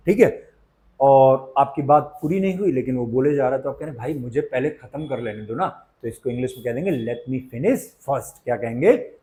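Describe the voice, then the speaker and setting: A man from India teaching spoken English, explaining in Hindi and saying each English phrase slowly and clearly, with playful jokes and questions to the viewers. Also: fairly high pitch, a little mellow.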